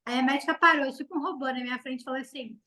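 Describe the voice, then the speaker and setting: A woman's voice: sits high, fairly even intonation, racing, sharp tone. A Brazilian woman in her thirties on a podcast, telling a story casually and animatedly, acting out quoted dialogue with lots of fillers. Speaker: podcast guest.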